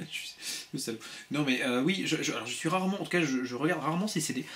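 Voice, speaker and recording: A man hosting a casual livestream from a home room on a laptop webcam, reading viewers' messages aloud in a quick, playful way with many restarts. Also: on the high side, a bit bright, slight background noise. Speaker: livestream host. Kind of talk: casual live chat with viewers. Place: home room with shelves of CDs.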